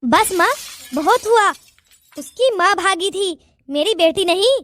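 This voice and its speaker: A woman's voice: extremely high pitch, lively intonation, unhurried, a bit bright, no echo, exaggerated voice. A woman voicing a stern, wealthy older father in a cartoon, speaking in a commanding, fatherly way. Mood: defiant.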